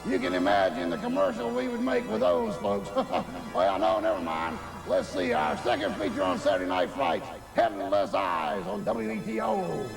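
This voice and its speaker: A man playing a campy, lewd, gleefully ghoulish TV horror host, with theatrical, teasing mock-spooky delivery and a gravelly creak. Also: fairly high pitch, wildly swooping pitch, normal speed, over music, exaggerated voice.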